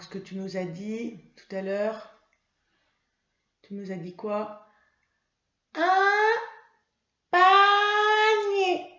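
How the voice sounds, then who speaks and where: A woman's voice: lowish voice, warm tone. A woman teacher giving a reading lesson for young first graders, in a patient, encouraging way. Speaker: primary school teacher. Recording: roomy, slightly dull home recording.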